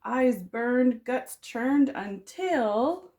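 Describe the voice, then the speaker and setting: A woman teacher reads a children's storybook aloud very slowly, in a dramatic, expressive way, drawing out the rhyming words. Her voice is a little high.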